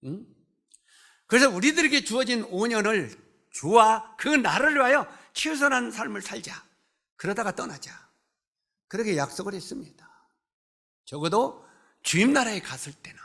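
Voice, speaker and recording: A man's voice: high-pitched, big pitch swings, normal speed, gravelly, long pauses, sharp tone. A man in his seventies preaching a sermon at a church service, talking conversationally, putting questions to the congregation and joking with members. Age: 70s. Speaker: pastor.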